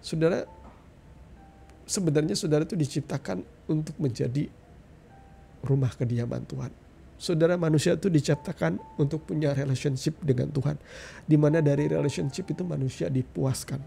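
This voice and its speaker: Earnest gravelly man preaching a testimony. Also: on the high side, a little fast, pauses often, warm tone, slight background noise. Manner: earnest, addresses listeners as "saudara". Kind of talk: testimony sermon.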